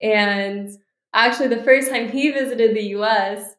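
At a measured pace, a fairly high-pitched woman's voice comes through an echoey room. The Miami native, in her twenties, is a law student and bride-to-be who joins a podcast as a guest, cheerful and articulate in a relaxed interview.

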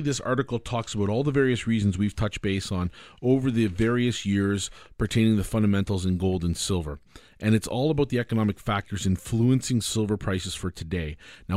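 Radio co-host, man from Canada, lowish voice, dry studio sound, lively storytelling delivery. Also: dry recording. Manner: animated, acts out little scenes. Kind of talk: casual radio talk on finance.

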